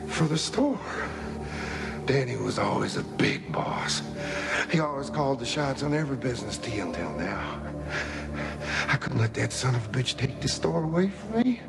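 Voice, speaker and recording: An actor playing a deranged store co-owner turned killer in a horror film, swinging between hushed and high. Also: male voice, big pitch swings, normal speed, creaky, over loud music. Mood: crazed, confessing.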